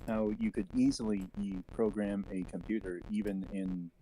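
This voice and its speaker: A man's voice: fairly low pitch, steady tone, normal speed, warm tone, slight background noise, rough recording. A man co-hosting a stream, making thoughtful remarks in casual chat.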